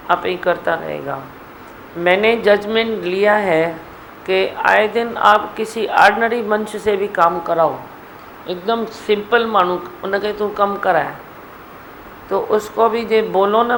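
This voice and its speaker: A middle-aged woman leads a devotional gathering in a community hall, speaking in a gentle, homely teaching manner. Her voice has a gravelly, creaky texture. A faint hiss sits under the recording. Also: mid-range voice. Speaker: spiritual teacher leading a satsang.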